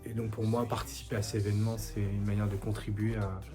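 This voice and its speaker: A man in his forties from France, a songwriter giving a recorded support message in a soft, hesitant way with many pauses. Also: on the low side, flat delivery, music in the background. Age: 40s. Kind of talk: recorded video testimony.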